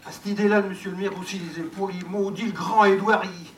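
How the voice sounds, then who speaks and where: A man's voice: sits high, flat delivery, fast. A man telling a rustic folk tale in a homely way, with asides to his listeners. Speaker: storyteller. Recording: echoey, from far off, faint noise.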